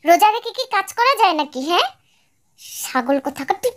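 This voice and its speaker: একজন নারী কণ্ঠ দিচ্ছেন এক কড়া, খিটখিটে বয়স্ক শাশুড়ির চরিত্রে, বাংলাদেশি টানে ধমকে কথা বলেন। কণ্ঠটা নারীর তুলনায়ও খুব উঁচু, আর কথায় ঝাঁঝ আর খোঁচা লেগেই থাকে। এক ফ্যান-ডাব নাটকের চরিত্র।. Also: female voice, very high voice, very animated, a little fast, a bit bright, exaggerated voice. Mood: scolding. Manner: harsh, nagging, abusive scolding. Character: bossy scolding village mother-in-law, older woman. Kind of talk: fan-dub radio drama.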